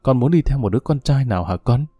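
An anxious, loving father in an audiobook drama, as a male narrator puts him on. He coaxes gently, with a mellow, lively voice. The recording is dry, with faint music. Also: mid-range voice, quick pace, breathy edge, no room sound. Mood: coaxing, worried. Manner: gentle, coaxing. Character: worried poor father, tender and anxious.

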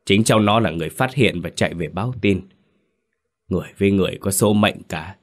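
Man doing old village man, stern, commanding, low. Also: a little fast, lightly acted. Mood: somber.

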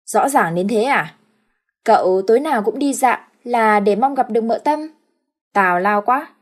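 A woman voicing a calm, frank young master of a wealthy family who speaks tersely and dryly. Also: a little high, moderate pace. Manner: laconic, dry.

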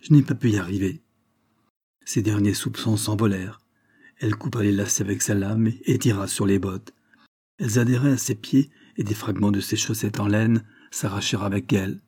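A man narrating a suspense story as an audiobook reading, measured and suspenseful. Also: fairly low pitch, fairly even intonation, darkish tone, husky.

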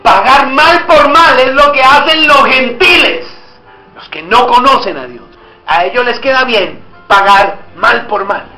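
Brief: male pastor, high bright voice, dramatic sermon with voiced dialogues, echoey church hall, faint music. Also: unhurried. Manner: preaches with dramatic shifts, acting out dialogues with God.

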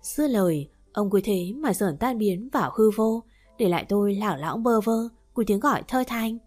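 A woman narrating a first-person audiobook story in a steady, even reading voice. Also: medium pitch, moderate pace.

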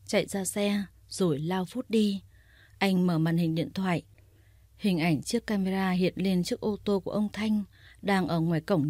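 Low, husky woman narrating a story. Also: mellow, no room sound, clean studio sound.

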